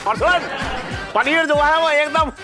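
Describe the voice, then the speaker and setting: A man's voice: high voice, lively intonation, moderate pace, sharp tone, faint music behind. A man playing a boisterous father in a TV sitcom, coaxing with sing-song laughs. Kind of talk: TV sitcom acting.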